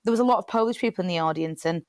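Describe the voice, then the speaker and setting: A woman's voice: fairly low pitch, racing, darkish tone, dry recording. A young woman, a playwright chatting casually in an interview, rambling with lots of fillers and restarts. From Britain. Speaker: playwright and theatre director. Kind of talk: casual chat.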